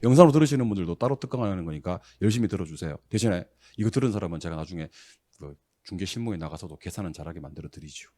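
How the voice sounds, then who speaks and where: Brisk, scolding Korean lecture-hall teacher. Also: male voice, low-pitched, expressive. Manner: brisk, scolding, teasing, loud bursts of exasperation. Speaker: real estate exam instructor. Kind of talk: classroom lecture drilling students.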